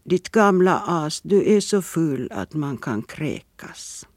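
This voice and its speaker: A reader voicing a gruff, bitter sculptor. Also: medium pitch, expressive, no echo, clean studio sound, lightly acted. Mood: scornful. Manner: curt, coarse remarks. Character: gruff, bitter male sculptor, middle-aged.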